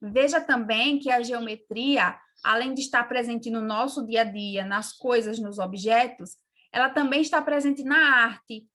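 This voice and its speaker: A woman teacher from Brazil explaining geometry in a remote class, calm and checking in with her pupils. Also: fairly high pitch, unhurried.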